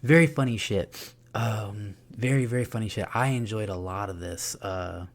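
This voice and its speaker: A young man giving an excited, profane, laughing recap of a wrestling show. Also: lowish voice, normal speed. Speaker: wrestling reviewer.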